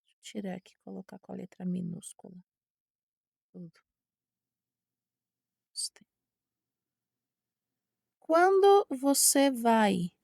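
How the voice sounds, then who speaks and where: A woman's voice: on the low side, level tone, creaky, darkish tone, breathy edge, no room sound, clean studio sound. A Brazilian woman teaching a Spanish lesson online, speaking patiently and repeating each word. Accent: Brazilian Portuguese. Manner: patient, repeats words slowly, checks with "tá?".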